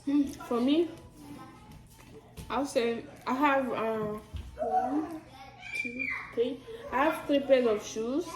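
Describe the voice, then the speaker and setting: A woman's voice: high-pitched, slow, pauses often, over music. A woman in her twenties from Malawi chatting casually over a meal, joking and teasing. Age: 20s. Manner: playful, joking, laughing at her own claims. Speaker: mukbang co-host. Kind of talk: casual chat while eating. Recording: roomy echo.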